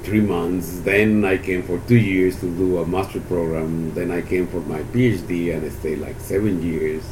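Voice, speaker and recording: A man in his sixties from Peru, a Spanish speaker answering oral history questions about his life in a halting way with many restarts. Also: low-pitched, low-quality recording. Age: 60s. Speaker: interviewee, university economist. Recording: steady background hiss.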